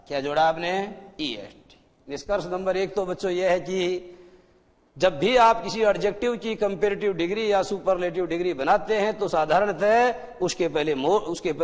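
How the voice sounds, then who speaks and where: Male teacher, high-pitched, asks and answers his own questions, reverberant hall sound. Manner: explains slowly, asks pupils questions and answers them himself. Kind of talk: classroom grammar lesson.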